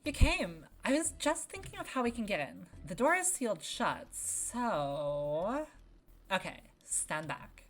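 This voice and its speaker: A woman reading out a bubbly young heroine from a game, perky and loud. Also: mid-range voice, big pitch swings, unhurried, voice pushed up. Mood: cheerful. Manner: perky, shouting happily.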